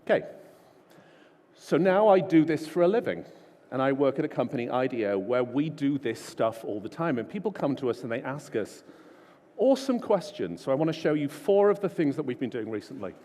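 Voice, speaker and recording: A man's voice: mid-range voice, very animated, fairly quick, dark tone. Casual man giving a keynote in a hall. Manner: informal, self-deprecating, storytelling. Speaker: conference speaker. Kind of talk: keynote talk. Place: large conference hall. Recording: long hall reverb.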